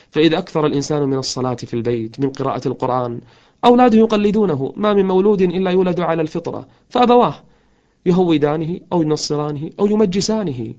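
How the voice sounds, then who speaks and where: A man preaching a sermon, telling stories and chanting verse slowly. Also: a little high, a little mellow. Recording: dull lo-fi audio.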